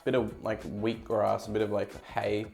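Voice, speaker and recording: A man's voice: lowish voice, monotone, moderate pace, vocal fry, a little mellow, soft background music. An Australian man giving a casual whiskey review, rambling a little as he searches for words. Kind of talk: casual tasting chat.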